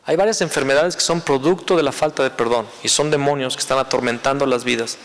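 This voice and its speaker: A man's voice: mid-range voice, quick pace, a bit bright, in a large hall. A man preaching a sermon as pastor, conversational and teasing his congregation. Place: church sanctuary.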